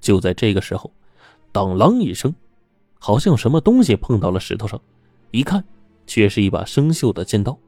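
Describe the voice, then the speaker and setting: Low warm dude telling a long story, dry close sound, a bit of soft music behind. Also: male voice, no room sound. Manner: steady, dramatic storytelling with drawn-out particles. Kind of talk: serialized story narration.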